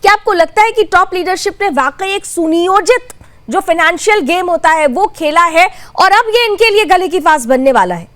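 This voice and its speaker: A woman's voice: extremely high pitch, expressive, fairly bright tone. A woman news anchor firmly moderating a heated TV debate. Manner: firm, brisk moderating.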